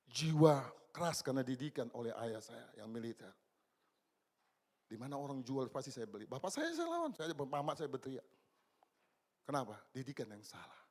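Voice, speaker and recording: A man in his sixties preaching a church sermon, swinging between loud exclamations and low, quiet asides. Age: 60s. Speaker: pastor. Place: church service.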